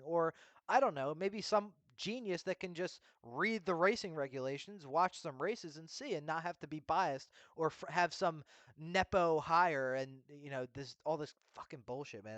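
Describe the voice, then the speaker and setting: A man's voice: on the high side, a bit bright, no echo. A young man hosting a casual racing recap, ranting heatedly and swearing constantly. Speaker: F1 recap host. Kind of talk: casual commentary rant.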